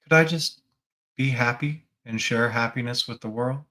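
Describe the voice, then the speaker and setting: Guiding a spiritual meditation, the man gently asks the listener reflective questions as a teacher would. His pitch is medium and his pace moderate.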